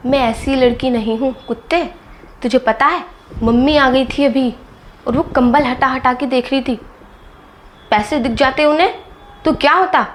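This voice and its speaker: A woman playing a defensive, sharp-tongued young daughter-in-law in a family drama skit, scolding indignantly. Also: high-pitched, noisy background. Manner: indignant scolding, rapid rebukes.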